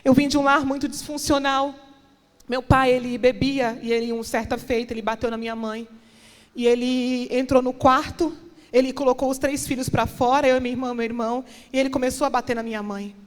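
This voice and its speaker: A woman's voice: high voice, level tone, a little fast. A woman minister preaching a sermon and giving an impassioned personal testimony, building to emphatic declarations. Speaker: guest minister. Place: church hall. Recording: long church reverb.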